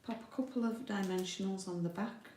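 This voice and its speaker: This time the Yorkshire woman's voice is medium-pitched, brisk, and darkish, with fairly even intonation. As host and card-making demonstrator, she runs a casual live craft tutorial, chatting and thinking aloud. Recorded in an indoor room with a window, the audio is roomy, distant-miked, with faint noise and clicks.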